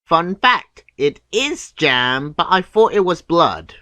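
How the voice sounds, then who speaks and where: Slow sarcastic man commentating over noise. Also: on the high side, very animated. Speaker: video commentator. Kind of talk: scripted nitpicking commentary. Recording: clear background noise.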